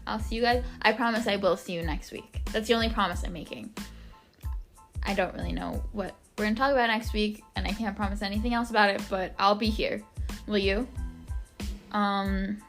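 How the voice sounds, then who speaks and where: A woman's voice: mid-range voice, steady tone, fairly quick, faint music behind. A young woman hosting a casual solo podcast, rambling and chatty, with lots of "like" and casual swearing. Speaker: podcast host.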